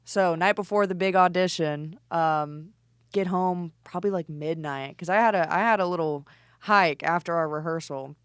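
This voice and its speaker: With a low-leaning voice at a moderate pace, a woman in her twenties who sings in a band chats casually as a podcast guest. She tells a story animatedly, swearing and performing her own quoted lines, and the studio-quality recording is clean with no echo.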